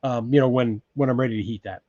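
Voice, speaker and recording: A man's voice: medium pitch, fairly even intonation, fast talker, warm tone, no echo, highs cut off. A man in his sixties from California, hosting a casual livestream from his off-grid cabin, chatting loosely with many ums and restarts. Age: 60s. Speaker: livestream host. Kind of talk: casual live chat reading viewer comments.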